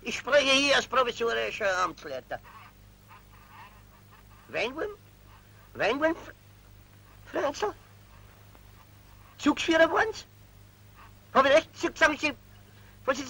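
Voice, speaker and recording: A fussy little official, tripping over his words and fawning over his superiors. His voice sits high and bright, in an old film soundtrack from the 1940s. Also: gravelly, heavily acted, low-quality recording. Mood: excited. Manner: stammering, deferential, excitable. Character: flustered fussy male minor civil servant. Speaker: stammering petty official.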